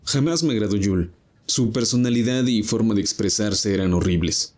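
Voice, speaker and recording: A calculating young cartoon camper, voiced by a man lays out his strategy in a level, matter-of-fact way. His voice sits a little low. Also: moderate pace, a little mellow, close to an everyday voice. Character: calm, scheming young male camper. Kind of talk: confessional monologue in a cartoon.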